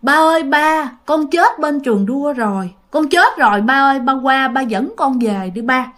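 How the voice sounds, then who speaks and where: A woman voicing the ghost of a drowned young boy who calls to his father in drawn-out, pleading cries. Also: high voice, lively intonation, fairly bright tone.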